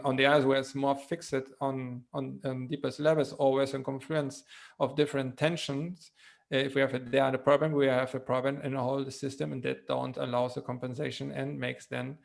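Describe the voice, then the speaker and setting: A non-native English speaker, a man with a thick foreign accent, explains in lecture style, haltingly searching for words and adding questioning tags. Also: mid-range voice, gravelly. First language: not English. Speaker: presenter, physical therapy educator.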